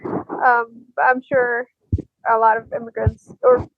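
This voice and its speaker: A young woman from Algeria, speaking in a fairly high voice. She tells her story casually and hesitantly, with many fillers and small laughs. The sound is dull and lo-fi, with a dry, close feel. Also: level tone, slow, no echo. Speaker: podcast guest. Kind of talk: casual interview chat.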